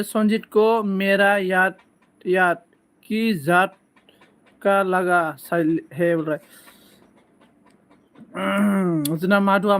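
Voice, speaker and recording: Coughing frequently, a high-voiced man with a fairly bright tone reads out comments on his live stream and teases the viewers back. The banter is slow, casual and playful.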